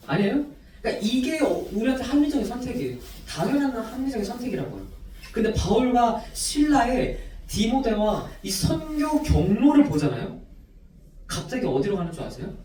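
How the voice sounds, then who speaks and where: A man's voice: high-pitched, a little hiss or hum. A young man, a youth pastor, preaching a sermon to teenagers and quizzing them with questions as he goes. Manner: animated, quizzes listeners with questions. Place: church worship room. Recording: echoey room, voice from far off.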